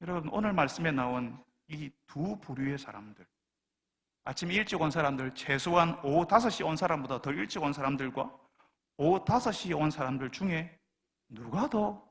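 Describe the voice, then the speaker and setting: A man's voice: fairly high pitch, in a large hall. A man preaching a sermon as a pastor. He asks rhetorical questions and acts out complaining voices.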